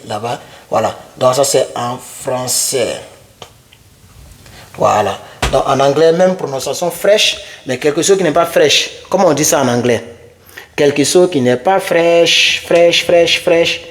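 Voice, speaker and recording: A man's voice: mid-range voice, moderate pace, slight background noise. A man teaching English vocabulary in a casual whiteboard lesson, repeating each word many times and putting questions to his viewers.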